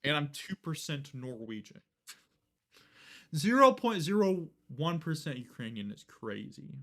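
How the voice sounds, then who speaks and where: Rambling young male streamer, lively pitch. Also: measured pace. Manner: rambling, filler-heavy, swears casually. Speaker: livestreamer. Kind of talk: casual live-stream chat.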